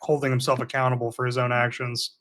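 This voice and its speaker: A man co-hosting a casual podcast, calmly giving a friend earnest advice about accountability. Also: medium pitch, fast. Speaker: podcast co-host. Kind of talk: casual chat.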